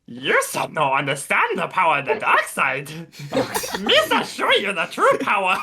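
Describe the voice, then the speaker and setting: A man's voice: sits high, wildly swooping pitch, a little slow, noisy background, exaggerated voice. A young man putting on a goofy alien villain voice. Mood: menacing. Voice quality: goofy broken grammar, cackling. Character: clumsy alien sidekick turned evil lord, male.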